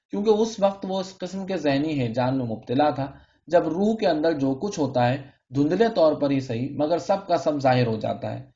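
A man narrating a literary audiobook in a measured, expressive storytelling manner, on a dull lo-fi recording. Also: mid-range voice.

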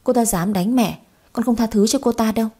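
A woman's voice: on the high side, fairly quick, dark tone, breathy edge, voice pushed up. A woman doing a feisty, cheeky little girl.

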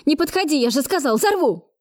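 Woman doing a jittery scared young guy, high shaky voice cracking when he yells. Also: sing-song, brisk, no echo, clean studio sound. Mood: panicked. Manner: shrill, shaky, breaking voice. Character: frightened young male arsonist, jittery.

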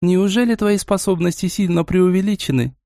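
A male narrator voicing a sharp-tongued, sarcastic young woman in an audiobook. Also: high-pitched, normal speed, no room sound, clean studio sound, voice pushed up.

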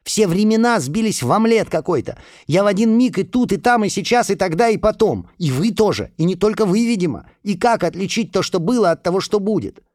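Man voicing a panicky teen girl, shrill, pleading, way up high, dry close recording. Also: animated, fairly quick, hardly any pauses, darkish tone, dry recording. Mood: desperate. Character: frightened stubborn teenage girl, near tears.

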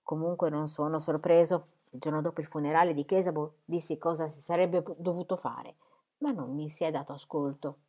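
A woman reading the part of an indignant, proud country gentleman in an audiobook. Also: low-pitched, fairly even intonation, brisk. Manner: indignant, emphatic.

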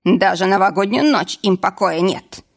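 Female reader as gruff middle-aged forester, rough, blunt, storybook. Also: medium pitch, normal speed. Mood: grumbling. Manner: scolding, blunt.

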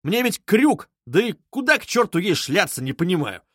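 A man putting on a gruff, impatient visitor who grumbles and swears bluntly, with a raised, lively voice. The sound is dry and close. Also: high-pitched, normal speed, dry recording, voice pushed up, full character voice. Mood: grumbling, impatient. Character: gruff impatient grown man knocking at a door.

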